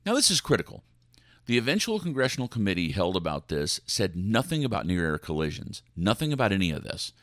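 A male podcast host with a dramatic, extremely animated delivery that leaps and dips in pitch. He reads news aloud and comments with sarcasm and mock outrage, in a close, very dry recording. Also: fast, no room sound.

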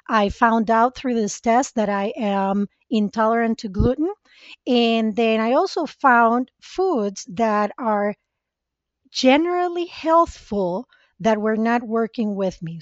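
Woman from costa rica telling her story on a podcast, earnest, kinda high voice, dull dry lo-fi sound. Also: no echo. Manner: earnest, reflective, personal. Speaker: podcast guest, spiritual mentor. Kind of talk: conversational interview storytelling.

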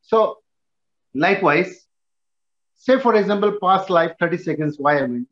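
Indian accent guy preaching and training church workers, slightly high voice, repeats stuff for emphasis, muffled lo-fi sound. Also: expressive, normal speed, reverberant. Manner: emphatic, repetitive, short phrases. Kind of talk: teaching talk to church workers. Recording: dull, muffled lo-fi audio.

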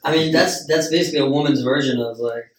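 A man's voice: medium pitch, fast talker, distant mic. A man hosting a podcast with crude, teasing banter. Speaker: podcast host. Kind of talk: casual podcast chat. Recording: roomy sound from off mic.

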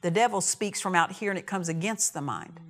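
A woman's voice: on the low side, fairly quick, a bit bright. Woman preaching with emphatic repetition. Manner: emphatic, repeats key phrases, acts out quoted dialogue. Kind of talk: sermon.

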